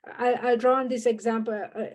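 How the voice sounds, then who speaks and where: Earnest Sri woman, slightly high. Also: little pitch movement, darkish tone. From Sri Lanka. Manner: earnest, measured, with frequent restarts and fillers. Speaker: guest. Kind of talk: reflective podcast conversation.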